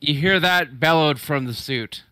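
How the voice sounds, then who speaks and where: Bright, smooth-voiced game master man. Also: on the high side, measured pace, dry recording. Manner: casual, hesitant narration with fillers. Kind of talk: narrating a tabletop game.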